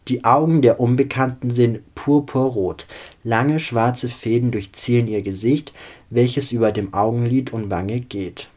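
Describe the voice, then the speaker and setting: Male storyteller, calm and even delivery, middle pitch. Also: slightly rough. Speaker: narrator. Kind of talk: story reading.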